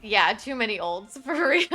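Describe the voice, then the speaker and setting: A young woman livestreaming a game, chatting casually and excitably, quick to giggle and squeal. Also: a little high. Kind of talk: casual gameplay commentary.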